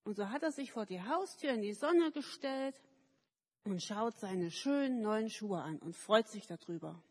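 A woman telling a story to children at a church service, lively and turning to ask them questions. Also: mid-range voice, measured pace, husky. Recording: echoey hall.

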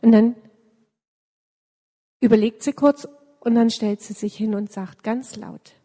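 A woman with a fairly high voice tells a lively children's story in a church service, often turning to the young listeners with questions. Her voice rings out through a long, hall-like reverb. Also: a little slow. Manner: lively, addresses children directly.

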